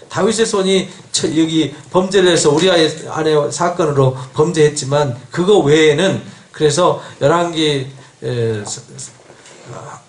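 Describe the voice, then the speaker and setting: Animated high-voiced male pastor preaching. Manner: animated, asks the congregation questions, acts out an angry God. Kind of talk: expository sermon. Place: church sanctuary. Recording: echoey church hall.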